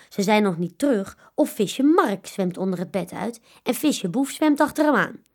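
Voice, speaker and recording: A woman reading a children's story aloud, expressive and animated. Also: mid-range voice.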